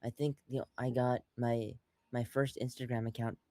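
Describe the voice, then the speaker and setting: A man's voice: mid-range voice, little pitch movement, moderate pace, darkish tone, dry recording. A young man co-hosting a podcast, rambling through casual chat with lots of fillers and restarts, acting out quotes along the way. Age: young adult. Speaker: podcast co-host.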